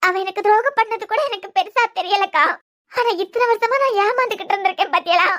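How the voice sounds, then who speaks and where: A woman voicing a quick-witted young wife in a cartoon web series, with a Kanyakumari Tamil accent and sharp, bickering retorts. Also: extremely high pitch. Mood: banter.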